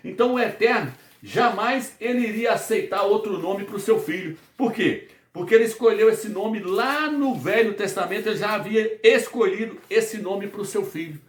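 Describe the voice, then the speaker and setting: A man's voice: sits high, moderate pace, few pauses. A man from Brazil teaching a Bible study as a preacher, who asks rhetorical questions and answers them himself again and again. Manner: repetitive call-and-response questioning. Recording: echoey room.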